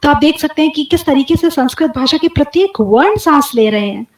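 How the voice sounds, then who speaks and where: A woman with a fairly high voice gives a webinar lecture from an echoey room over a video call. She demonstrates each sound aloud in a slow, clear teaching manner. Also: a little mellow. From India. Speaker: guest lecturer.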